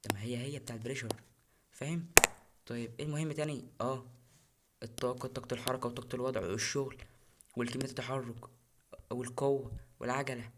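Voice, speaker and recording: A man's voice: mid-range voice, steady tone, fast talker, long pauses, heavy background noise. A young man with an Egyptian Arabic accent, tutoring physics for an exam in a casual, chatty way and repeating key terms. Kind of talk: recorded exam-prep lesson.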